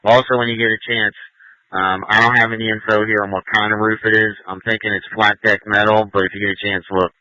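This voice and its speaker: A man acting as fire incident commander gives instructions and confirms reports over a two-way radio, directive and repeating information back to check it. His voice is lowish, level, bright and forceful, and he talks fast. The recording is dry, with muffled fire radio audio.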